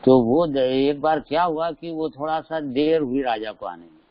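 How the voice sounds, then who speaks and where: A middle-aged man gives a religious discourse, weaving a story into his teaching and lively in how he tells it. The recording is dry and somewhat dull, like a modest lo-fi capture. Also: a little high, normal speed, no echo. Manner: lively storyteller, acts out voices in quotes. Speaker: Jain scripture teacher.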